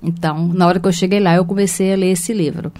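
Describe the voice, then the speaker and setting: A woman's voice: on the low side, steady tone, fast talker, mellow. Brazilian woman, host, casual anecdotal chatter. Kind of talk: casual chat.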